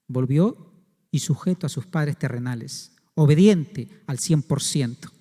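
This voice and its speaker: A man's voice: mid-range voice, a little slow, warm tone, long reverb tail. A man preaching a sermon as pastor, asking the congregation rhetorical questions.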